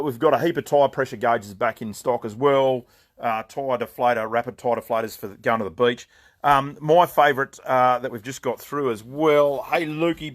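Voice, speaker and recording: A rambling, chatty Australian man hosts a live stream from his shop. He greets viewers by name and talks through new stock in a casual, joking way. His voice sits at an ordinary middle pitch. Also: a bit bright. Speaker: gun shop owner hosting a live stream.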